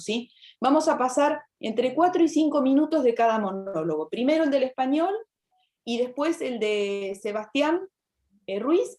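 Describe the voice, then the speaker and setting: A woman's voice: on the high side, a little mellow. A woman with an Argentine accent, a university literature teacher, lecturing online and checking in with her students. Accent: Argentine Spanish. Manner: explanatory, checks in with "¿sí?".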